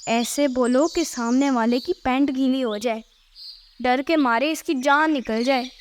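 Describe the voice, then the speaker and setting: A woman's voice: high voice, measured pace, slight background noise. A woman voicing a scolding, sarcastic female bird thief in a cartoon, drawing out her mockery. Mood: mocking, scolding. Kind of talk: cartoon character voice acting.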